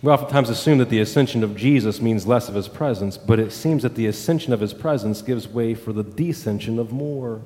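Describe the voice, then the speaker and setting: A man preaching a sermon as pastor, swinging from loud, emphatic lines to hushed, slow ones. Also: mid-range voice. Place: church sanctuary. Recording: church hall reverb.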